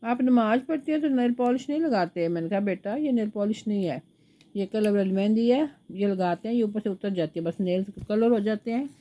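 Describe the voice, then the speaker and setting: A woman's voice: mid-range voice, a little fast, mellow, a little hiss or hum. An older woman with a sore throat chats and rambles through stories at home while sitting with her grandchild. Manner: chatty, rambling storytelling, baby talk to the grandchild. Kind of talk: casual home vlog chat. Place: at home, indoors, sitting with a baby.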